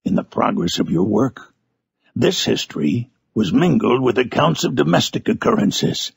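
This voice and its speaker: Frankenstein's monster, deeply gravelly and wretched. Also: male voice, dry recording, heavily acted. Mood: bitter, sorrowful. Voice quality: very gravelly, raspy. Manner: grave, formal, anguished theatrical delivery. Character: Frankenstein's monster, wretched, eloquent, brooding male creature. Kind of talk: dramatic audiobook monologue from a gothic novel.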